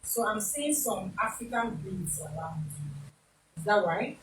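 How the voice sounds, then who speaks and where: A woman's voice: medium pitch, animated, a little slow, fairly bright tone, echoey room, distant mic, slight background noise, poor audio. A Nigerian woman hosting a talk show in a casual, opinionated way, slipping into Pidgin turns of phrase. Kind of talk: casual studio interview.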